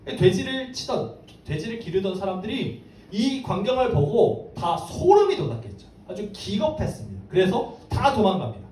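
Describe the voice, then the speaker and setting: A man's voice: high voice, huge pitch swings, moderate pace, a little mellow. A man preaching a sermon to young people, keeps asking his listeners questions as he explains. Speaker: pastor. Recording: echoey room, mic far off, faint background hiss.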